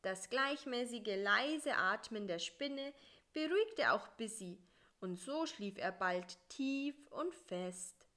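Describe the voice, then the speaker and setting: A woman narrating a children's Christmas story in a calm, even storybook reading. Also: fairly high pitch, slow pace.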